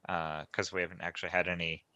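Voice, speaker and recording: A man works through the agenda of a developer meeting. His voice is very low, bright and forceful. The sound is dry and close, as on a video call. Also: level tone, fast talker, dry recording. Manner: methodical, detailed, hesitant fillers. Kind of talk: online meeting chat.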